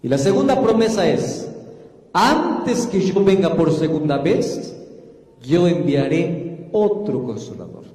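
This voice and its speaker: A male pastor preaches with a warm, mellow voice pitched a little high. He draws out key phrases slowly and with emphasis. His voice rings through a reverberant church hall. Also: very animated. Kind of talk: sermon.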